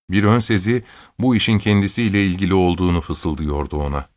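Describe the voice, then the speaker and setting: A male narrator reading classic literature in a steady, earnest way. His voice sits on the low side, and the recording is dry with no room reverb. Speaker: audiobook narrator.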